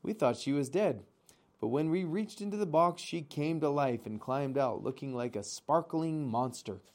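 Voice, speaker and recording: A man's voice: fairly high pitch, lively intonation, normal speed, a little mellow, voice pushed up, close to an everyday voice. Man doing a chatty friendly otter.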